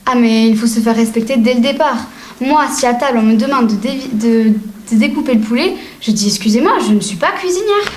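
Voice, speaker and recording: A woman's voice: on the high side, expressive, brisk, close to an everyday voice. A woman acting a knowing, emphatic gossip in a comic sketch. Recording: echoey room.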